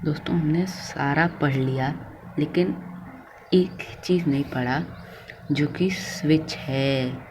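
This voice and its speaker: A man's voice: fairly high pitch, takes it slowly, noisy background. A man teaching a lesson, dictating notes to students word by word and correcting his own slips. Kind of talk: slow classroom lesson.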